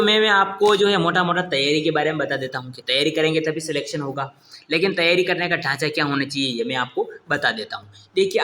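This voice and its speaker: A man's voice: on the high side, pushed and bright, reverberant, a little hiss or hum. A young man, teaching an exam coaching lesson in a casual, encouraging way and often checking that students follow. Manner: repeats "ठीक है ना?" to check understanding, encouraging.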